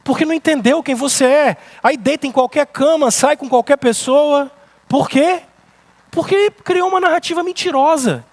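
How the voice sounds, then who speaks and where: High-voiced Brazilian pastor preaching. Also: male voice, normal speed. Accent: Brazilian Portuguese. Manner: emphatic, rhetorical questions, acts out examples. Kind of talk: sermon. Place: church sanctuary.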